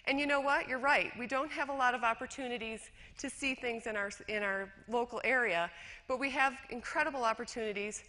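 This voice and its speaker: Speaking briskly at a fairly high pitch, this woman sounds pushed and bright. She's an educator from rural western New York, USA, presenting slides in a chatty, self-deprecating conference talk packed with fillers and restarts, recorded in a lecture hall with long reverb.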